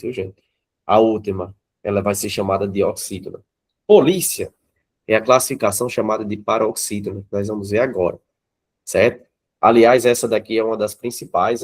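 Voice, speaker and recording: A man with a Brazilian Portuguese accent teaching grammar to a class of students, often checking in with them and asking them questions. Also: medium pitch.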